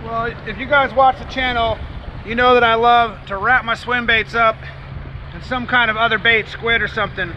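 High-voiced, easygoing fishing vlogger man. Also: fairly even intonation, moderate pace, pushed and bright, highs cut off, slight background noise. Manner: easygoing, chatty, explains as he goes. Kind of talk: casual outdoor vlog. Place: rocky ocean jetty outdoors. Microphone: action camera. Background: music under the talk.

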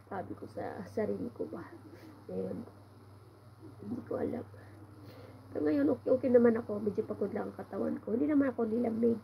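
A woman's voice: fairly high pitch, fairly quick, creaky, pauses often, muffled recording, slight background noise. A woman with a cold-congested voice tells a rambling, casual story at home, sighing often as she complains. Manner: meandering, with frequent sighs of complaint. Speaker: vlogger.

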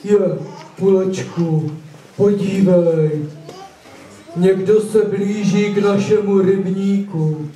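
A man voicing a jolly, croaking water sprite in a children's puppet show. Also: sits high, steady tone, mellow, close to an everyday voice. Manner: croaking chuckles between sentences. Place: puppet show in a village hall. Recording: roomy, distant camera recording with noise.

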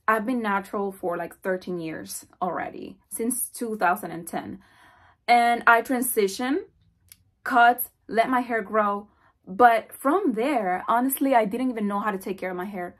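Filming in her bedroom with the camera up close, a young Dominican hair vlogger chats through a casual Q&A in a mid-range voice. She's talkative and animated, gesturing while she speaks.

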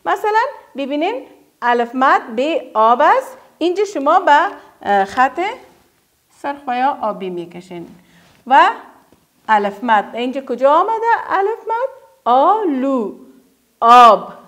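A woman with an Afghan Dari accent teaching a first-grade reading lesson, stretching out words slowly for children to repeat and praising often. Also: high-pitched, very animated, fairly bright tone. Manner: drawn-out, emphatic modelling of words for children to repeat; praises often, asks quick questions and answers them herself. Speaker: primary school teacher.

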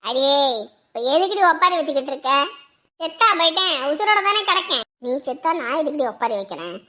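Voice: high voice, big pitch swings, fairly quick, pushed and bright, heavily acted. A voice actor doing a bossy, bullying cartoon older woman. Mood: domineering. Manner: harsh, scolding commands. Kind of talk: cartoon comedy dialogue.

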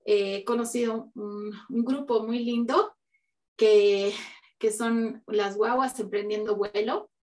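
A woman's voice: a little high, steady tone, slow, a little mellow. A young woman presenting her artwork on a video call, hesitant, with many fillers and restarts. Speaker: exhibiting artist. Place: home room. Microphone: video call, camera a few feet away.

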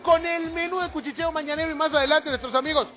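A man's voice: very high-pitched, fairly even intonation, fast talker, bright, forceful tone, faint music behind. A man hosting a live morning TV show, jovial and exclaiming as he sends greetings to viewers. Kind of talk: lively studio banter. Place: TV studio kitchen set.

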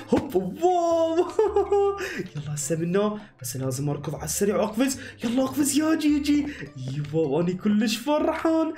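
A man with an Iraqi accent voicing an excitable young male hero in an animated game movie, talking breathlessly to himself. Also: high-pitched, a little hiss or hum. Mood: excited. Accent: Iraqi Arabic. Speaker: voice actor and channel host. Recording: echoey room with background music.

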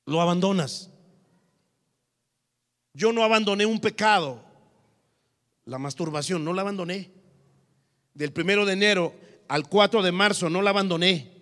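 High-voiced pastor preaching emphatically. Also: male voice, moderate pace, long pauses. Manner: emphatic preaching, swinging from soft to loud. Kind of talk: sermon. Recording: long reverb of a church hall.

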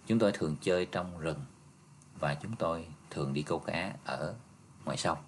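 A male teacher goes through an exam review step by step, patient, ending phrases with soft tags. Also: rumbling low, normal speed, slight background noise. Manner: patient, explains step by step, ends phrases with "ha" and "nha".

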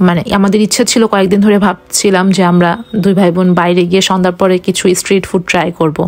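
Fast-talking young woman through a face mask. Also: fairly low pitch, flat delivery, a little mellow. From Bangladesh. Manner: chatty, rambling with many fillers. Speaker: food vlogger. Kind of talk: casual vlog narration.

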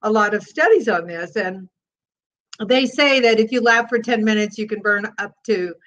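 A woman teaching laughter yoga in an interview, explaining calmly and bursting into demonstration laughs, speaking over a video call. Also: mid-range voice, moderate pace, lo-fi sound.

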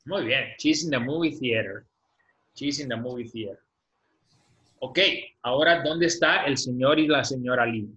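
A man teaching an English class in Spanish, patiently repeating words slowly for pronunciation over a video call. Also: mid-range voice, fairly bright tone. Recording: dull lo-fi video-call audio.

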